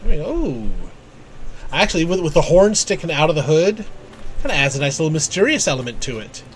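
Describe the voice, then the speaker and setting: With game music playing behind him, this streamer keeps up easygoing commentary, musing in bits and pieces and reading whatever text appears. He speaks briskly in a slightly high voice with lively intonation, and a little background noise is audible.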